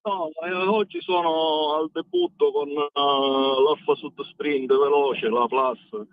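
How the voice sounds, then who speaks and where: A man calling in on speakerphone while driving, explaining plans in a halting, step-by-step way as an event organizer. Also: fairly high pitch, lively intonation, no room sound. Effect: on speakerphone over a phone line while driving. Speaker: phone-in guest, event organizer. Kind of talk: casual phone chat on radio. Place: in a car. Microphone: hands-free car speakerphone. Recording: dry, tinny phone line.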